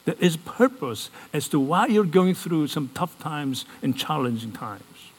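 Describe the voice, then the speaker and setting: Slow, lively preaching man. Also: a little high, husky, rough recording. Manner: asks the congregation questions; acts out Bible characters in casual modern speech. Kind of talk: sermon.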